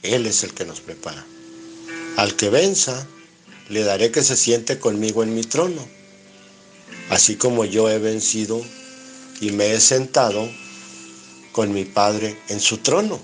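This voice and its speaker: This preacher, a man with a Mexican accent, speaks in a low register at a slightly slow pace, pausing often, with faint music in the background. His Bible study sermon reads scripture aloud and unpacks it line by line, raising rhetorical questions only to answer them.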